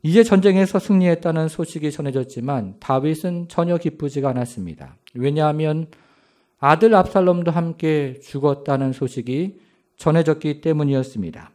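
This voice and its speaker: A man's voice: fairly high pitch, moderate pace, a little mellow. A man pastor delivering a sermon, telling the story dramatically and asking the congregation questions.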